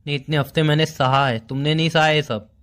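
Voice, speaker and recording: A man's voice: on the high side, steady tone, a little fast, lightly acted. A young man playing a boyfriend who feels ignored, reproachful and sarcastic toward his girlfriend. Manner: reproachful, sarcastic, quietly bitter. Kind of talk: amateur romantic audio drama.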